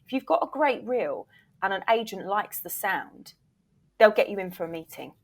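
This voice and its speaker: A woman with an expressive, creaky, mid-range voice talks at a normal speed. As an interview guest, a voice reel producer and ex-voiceover agent, she explains emphatically in a conversational way and often plays out imagined questions from actors.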